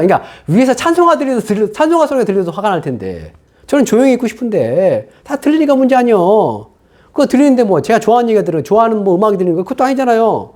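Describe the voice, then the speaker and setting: Lively high-pitched Korean pastor preaching. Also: male voice. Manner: animated, fires rhetorical questions at the congregation; casual, conversational preaching. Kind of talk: sermon.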